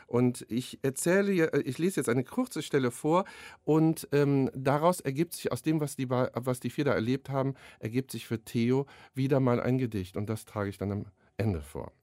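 A children's book author, a man, speaking in a radio studio interview. He talks hesitantly, restarting phrases, in a mid-pitched voice. The sound is close and dry. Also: normal speed, a little mellow, no echo. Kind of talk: radio interview and reading aloud. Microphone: studio microphone.

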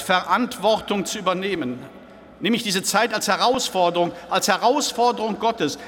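Slow, reflective preacher in a reverberant church. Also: male voice, fairly high pitch, a bit bright. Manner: slow, reflective, asking many questions. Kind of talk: sermon. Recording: church hall with long reverb.

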